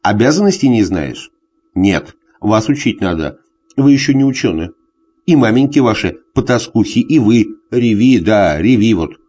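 A man puts on a tipsy, jealous husband, bullying and full of threats, his low voice hollow and tearful and swinging wildly in pitch. The sound is a dull, lo-fi audiobook recording. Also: expressive, normal speed, darkish tone. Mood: grumbling. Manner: hoarse tearful bullying rants. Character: drunk jealous husband, middle-aged, bullying.

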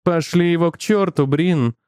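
A menacing inner voice, low and slow, nagging and mocking, as a man reads it out, close dry sound. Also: a little mellow, smooth, dry recording, natural voice. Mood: goading. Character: stern menacing inner voice, male, urging violence.

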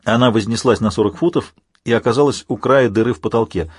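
A man narrating an audiobook in an even, measured reading. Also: medium pitch, breathy edge, no room sound, clean studio sound. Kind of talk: scripted narration.

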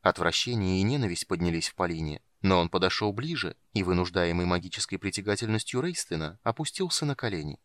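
Male narrator, fantasy audiobook, steady measured reading, low voice, dry close sound. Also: no echo.

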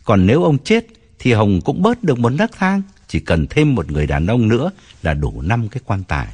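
A male narrator reads a novel aloud in a husky voice that swings widely up and down. His delivery is expressive and dramatic, shaping each sentence like a storyteller. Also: on the low side, fairly quick. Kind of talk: audiobook narration.

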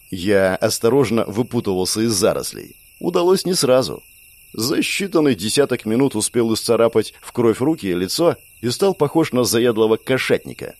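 A man narrating a first-person audiobook in a wry, expressive storytelling manner. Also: lowish voice, no echo.

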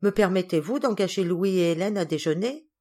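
A woman's voice: lowish voice, brisk, darkish tone, natural voice. A woman voicing an eager, timid little girl who speaks in a pleading way in a storybook reading.

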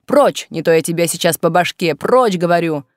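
Woman reading out a gruff angry cop, barking orders, dry close sound. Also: lowish voice, expressive, normal speed, no room sound, lightly acted. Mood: shouting. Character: gruff angry male street policeman.

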